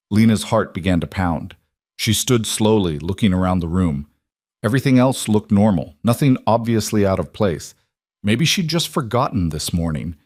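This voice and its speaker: A man narrating a romance story in a steady, even reading. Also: lowish voice, dry recording, studio quality. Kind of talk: scripted audiobook narration.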